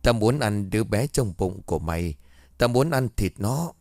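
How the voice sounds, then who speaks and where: A man's voice: lowish voice, animated, normal speed, darkish tone, no room sound. A man voicing hungry demons gloating over an unborn child in a horror story. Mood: greedy. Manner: gloating, greedy.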